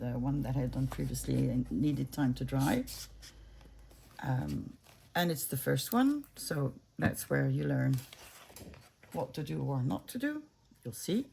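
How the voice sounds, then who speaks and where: With a deep, gravelly, mellow voice, a woman vlogger from France and Italy muses aloud and chats to her craft materials, slipping into whispers often. It's a relaxed talk-along while she works, and there's a little hiss or hum on the recording.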